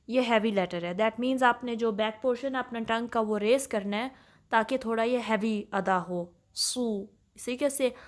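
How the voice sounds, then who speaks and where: A woman teaching a step-by-step recitation lesson in Urdu with English terms mixed in, explaining patiently and checking in often. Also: a little high. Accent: Pakistani Urdu. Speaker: tajweed teacher.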